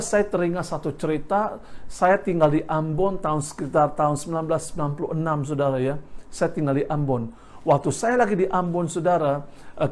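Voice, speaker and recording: A male pastor preaching a sermon, constantly addressing the congregation and slowing down on key words for emphasis. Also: fairly high pitch.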